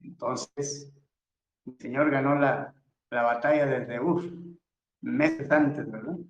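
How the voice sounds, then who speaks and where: A man's voice: mid-range voice, fairly even intonation, takes it slowly, vocal fry, reverberant, dull audio, a little hiss or hum. A man giving a verse-by-verse scripture lesson, methodically telling his listeners which words to underline and circle. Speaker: Bible teacher.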